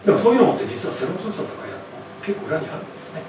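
A man's voice: high voice, rapid-fire. Guy giving a chatty history talk in a lecture hall, mic kinda far off, lots of echo. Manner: animated, chatty, constant tag questions. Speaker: lecturer and author. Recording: very echoey hall, far from mic, faint noise.

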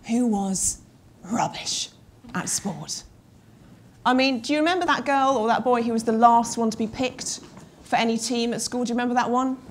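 A woman in her forties giving a humorous keynote speech as a coach, self-deprecating and lively, with comic asides, speaking into a lapel mic in a large conference room. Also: on the high side, a little hiss or hum.

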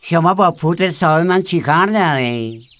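A man's voice: on the high side, expressive, fairly bright tone. A man voicing a jittery male house cat in a cartoon who is suspicious and panicky, guarding his owner's powder. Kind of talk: cartoon voice acting.

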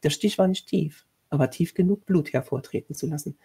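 Husky-voiced man reading a horror story. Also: fairly high pitch, mellow. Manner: measured, with occasional slips and restarts. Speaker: author reading his own stories.

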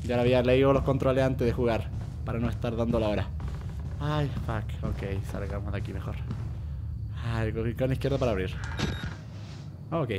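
A man's voice: medium pitch, fairly even intonation, moderate pace, pauses often, background noise. A man giving casual let's-play commentary on a horror game, talking himself through each move and yelping when he gets scared. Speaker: gamer playing a horror game.

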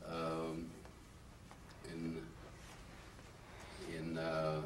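A Holocaust survivor in his eighties, born in Carpathian Ruthenia when it was part of Czechoslovakia, gives an oral history interview in a small classroom. His bass voice is monotone, slow and halting, with many pauses and "uh" fillers. A distant camera mic picks up roomy echo and faint hiss.

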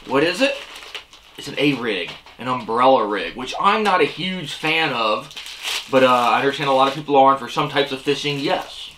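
A middle-aged man chats easily through a product review, full of "uh"s and asides. His voice is bright and forward. He sits at a desk in a small room facing the camera. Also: medium pitch, lively intonation, moderate pace, a little hiss or hum. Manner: rambling, filler-heavy, easygoing. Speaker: fishing channel host. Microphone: seated at desk facing camera.

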